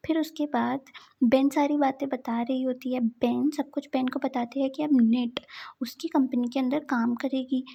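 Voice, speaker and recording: Woman, casual drama recap narrator, high pitch, dark mellow tone. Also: steady tone, moderate pace, vocal fry, slightly rough. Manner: retells scenes, voicing quoted lines plainly.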